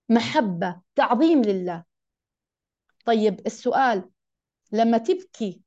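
A woman's voice: a little high, a little mellow. Emphatic woman giving a religious lesson. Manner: emphatic, asks the audience questions. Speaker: religious teacher. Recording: dull lo-fi recording.

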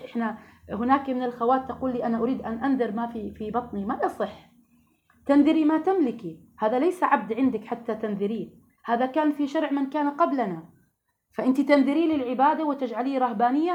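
A woman's voice: high-pitched, highs cut off. A woman teaching a religious lesson to women, earnest and asking her listeners questions.

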